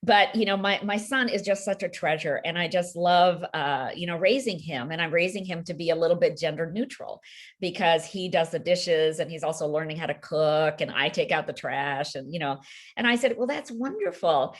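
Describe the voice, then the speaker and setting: Low-voiced woman author telling a story. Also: moderate pace. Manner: animated retelling, acts out quoted voices. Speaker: author being interviewed. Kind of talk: storytelling in an online interview. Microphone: video call.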